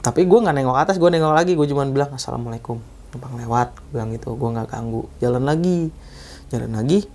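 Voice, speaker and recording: A young man tells a spooky story in casual slang. His voice is mellow and warm, sitting at a middle pitch. He brings the quoted dialogue to life as he goes. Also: fast. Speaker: guest telling a true hiking ghost story.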